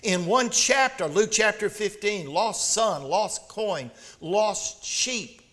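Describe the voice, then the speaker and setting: A man preaching a sermon, earnest and measured, posing rhetorical questions to the congregation. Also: high-pitched, lively intonation, a bit bright.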